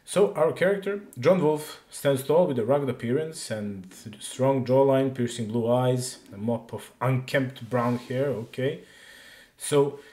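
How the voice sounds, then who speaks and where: A man's voice: medium pitch, dark tone. Roomy-sounding man demoing his game. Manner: thinks aloud, halting and chatty, reads prompts slowly as he types. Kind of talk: casual screen-recorded walkthrough, reading game text aloud.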